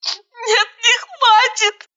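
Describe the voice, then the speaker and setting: A woman's voice: fairly even intonation, pushed and bright, highs cut off, full character voice. A woman voicing a hysterical young bride who sobs and cries out in desperation, stretching her words as she wails. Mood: sobbing. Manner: shrill crying outbursts, drawn-out wailing words. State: crying.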